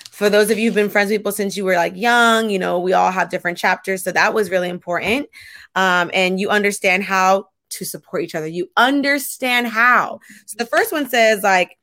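Woman co-host, dry close sound, reflective and halting, casual chat. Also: mid-range voice, a bit bright, dry recording. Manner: reflective, halting, restarts mid-sentence. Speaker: podcast co-host, dance and Pilates teacher.

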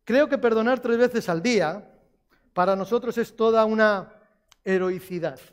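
A man's voice: high voice, moderate pace, clean tone. A man preaching a sermon, repeating key phrases for emphasis and putting questions to the congregation.

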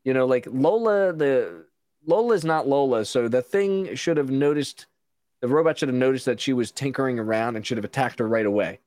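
A man's voice: mid-range voice, animated, fairly quick, darkish tone, no echo. Opinionated man hosting a review show. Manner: opinionated, rambling with restarts. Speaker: podcast host. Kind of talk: casual show review chat.

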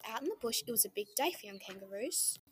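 A woman reading a children's picture book aloud, gently asking the listener questions along the way. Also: a little high, lively intonation, fast, slight background noise.

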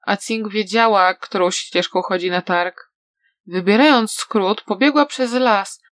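A woman reading a novel aloud as narrator, in even, steady storytelling. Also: mid-range voice, no room sound, studio quality.

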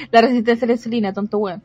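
A woman with a Chilean accent in casual chat, cutting in with quick teasing remarks. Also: on the high side, slightly rough, lo-fi sound. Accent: Chilean Spanish. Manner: quick teasing interjections, laughs often.

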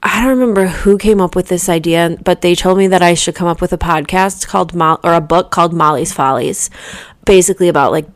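Chatty mom co-hosting a podcast. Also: female voice, on the low side, brisk. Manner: chatty, storytelling with many fillers and restarts. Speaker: podcast co-host. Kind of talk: casual chat.

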